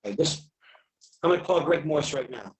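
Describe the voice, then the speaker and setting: A man's voice: fairly high pitch, expressive, moderate pace, rough recording. A man speaking plainly at a town commission meeting over a video call, his audio breaking up and cutting in and out. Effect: choppy video-call audio breaking up. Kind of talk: plain-spoken meeting remarks.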